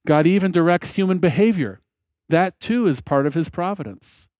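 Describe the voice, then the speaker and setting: A man in his fifties preaching a sermon from a church lectern on a headset mic, slow and deliberate, with emphatic pauses and phrase ends that fall away. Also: sits high, lively intonation, darkish tone, dry recording. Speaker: pastor. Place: church platform behind a lectern, indoors.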